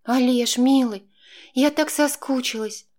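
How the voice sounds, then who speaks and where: A man voicing a nervous, quarrelsome young mother who pleads and shouts at her husband in an audiobook. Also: fairly even intonation, measured pace. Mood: tender. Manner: pleading, then shrill and shouting.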